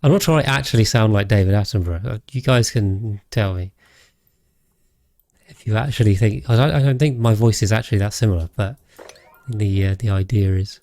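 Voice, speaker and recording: A British live streamer hosts a game session in a fairly low, calm voice, chatting casually with viewers and thinking out loud in a measured, unhurried way. The recording is dry.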